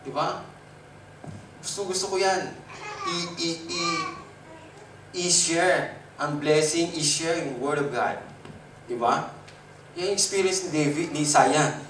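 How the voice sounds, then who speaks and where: Filipino male preacher, slightly high voice, lively and laughing, miked from afar in a roomy church. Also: slow pace, long pauses, noisy background. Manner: animated, jumps in pitch and loudness, laughs often. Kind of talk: Taglish sermon. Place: church worship service. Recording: echoey hall, from a distance.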